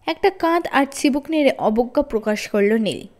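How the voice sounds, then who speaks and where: A woman narrating a children's story aloud with an even, expressive reading. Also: a little high, moderate pace.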